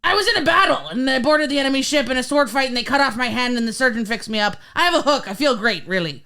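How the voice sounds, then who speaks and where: A woman's voice: high-pitched, animated, quick pace, bright, forceful tone, exaggerated voice. A woman voicing a boastful male pirate with a hook, shrugging off his injuries while she tells a joke. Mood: breezy. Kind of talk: telling a joke.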